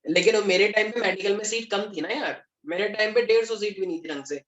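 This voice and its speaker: A man's voice: high voice, quick pace, crowd noise. A young man from Delhi teaching a class in a chatty, joking way, mixing in English terms. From Delhi, India. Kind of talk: classroom lecture. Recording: echoey classroom.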